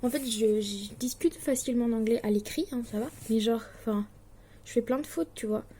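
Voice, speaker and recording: A woman's voice: fairly high pitch, fairly quick, dark tone, a little hiss or hum. A young woman in her late teens, from Switzerland, chatting casually to the camera about her studies, hesitant and full of fillers, anxious and self-deprecating. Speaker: distance-learning student vlogger.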